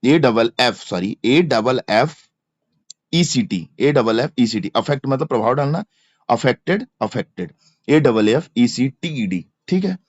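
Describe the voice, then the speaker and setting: An unhurried, expressive male teacher with a Hindi accent and medium pitch works through an exam grammar lecture, spelling words letter by letter and repeating verb forms. The slightly dull lo-fi mic gives a dry sound with no echo.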